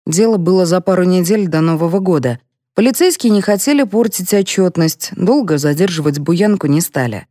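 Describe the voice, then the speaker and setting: A woman narrating an audiobook in the first person with a brisk, expressive delivery. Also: lowish voice, dry recording, studio quality.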